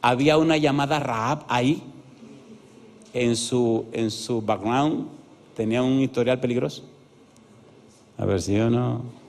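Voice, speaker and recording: A man preaching an animated sermon as pastor, often asking the congregation yes-or-no questions and acting out voices in his stories. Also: medium pitch, a little slow, vocal fry, long pauses, a little hiss or hum. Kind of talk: lively evangelical sermon with acted-out stories. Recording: reverberant church hall.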